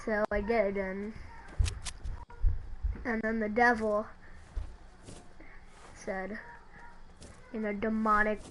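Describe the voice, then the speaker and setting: Woman narrator, slow hesitant storytelling, faint background noise. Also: medium pitch, little pitch movement, fairly bright tone, poor audio. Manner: hesitant, halting with restarts. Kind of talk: creepypasta narration.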